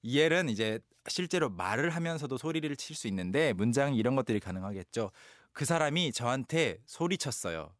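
A middle-aged man teaching English on the radio, calm and patient as he explains each word. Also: mid-range voice, moderate pace, few pauses, dry recording, studio quality.

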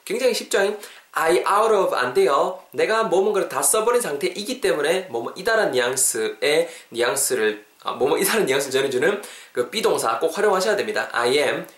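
A man's voice: a little high, lively intonation, moderate pace, fairly bright tone, echoey room. A male podcast host giving an English lesson, coaching listeners to repeat phrases after him in an upbeat, encouraging way.

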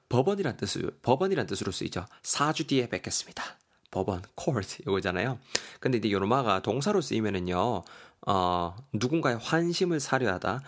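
A man with a Gyeongsang accent, hosting a podcast English vocabulary lesson in an animated, explanatory way. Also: mid-range voice. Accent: Gyeongsang Korean. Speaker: English teacher host.

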